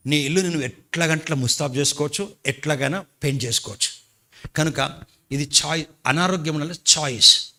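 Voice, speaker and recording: A male pastor, preaching a sermon with sudden loud emphatic rises and English phrases mixed in. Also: on the high side, a little fast.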